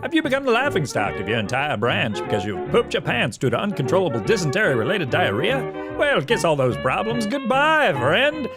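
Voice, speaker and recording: A man playing a slick vintage radio pitchman in a mock advertisement, with a salesman's pitch. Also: wildly swooping pitch, a little fast. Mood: salesy. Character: slick old-time male ad pitchman. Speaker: ad announcer. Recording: over loud music.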